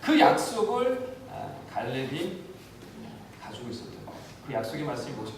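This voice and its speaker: A male pastor preaching an animated sermon, acting out the voices of the people and of God, recorded from a distance in a church. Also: mid-range voice. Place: church sanctuary. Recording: very echoey church hall, mic from a distance, faint noise.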